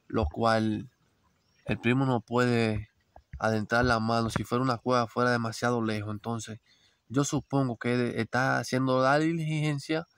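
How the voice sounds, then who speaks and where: A middle-aged man narrating live as a vlog host, talking to viewers outdoors by a forest stream with halting, repetitive commentary. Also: mid-range voice, vocal fry, a bit bright, dry recording. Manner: talks to viewers, repeats phrases, halting restarts. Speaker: vlog host narrating a crab-fishing outing.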